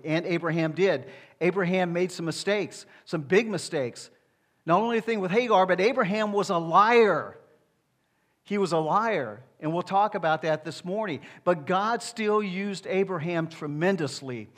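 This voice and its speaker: A middle-aged man, a pastor, preaching a conversational sermon with rhetorical asides to the congregation. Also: high-pitched.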